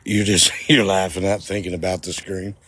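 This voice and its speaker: A man's voice: low-pitched, level tone, normal speed, fairly bright tone. A man telling a story outdoors in a cemetery at night, joking, swearing and laughing often as he talks to his livestream audience. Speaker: paranormal vlogger.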